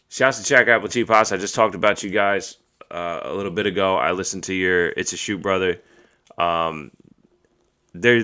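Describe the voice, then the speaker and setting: A man's voice: low voice, pushed and bright, smooth. A man hosting a podcast on a live stream, chatting casually in a rambling, profane and emotional way. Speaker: podcast host.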